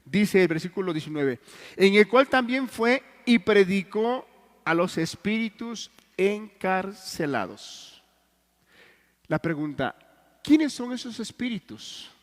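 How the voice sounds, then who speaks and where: A man preaching a sermon in Mexican Spanish, telling stories earnestly and swinging between loud and hushed. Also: high voice, lively intonation, slow. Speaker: pastor. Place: church hall. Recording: long church reverb.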